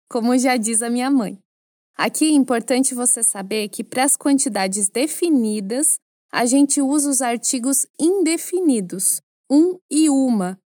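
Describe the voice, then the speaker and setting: A woman with a Brazilian Portuguese accent teaching a French lesson, explaining phrases clearly and asking the listener to repeat after her. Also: sits high, darkish tone, no echo, studio quality.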